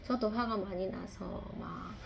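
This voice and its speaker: A woman's voice: medium pitch, measured pace, vocal fry, a little hiss or hum. A woman, a mother, telling a reflective personal story in a confessional, rambling way, full of fillers and restarts. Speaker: mother sharing a testimony.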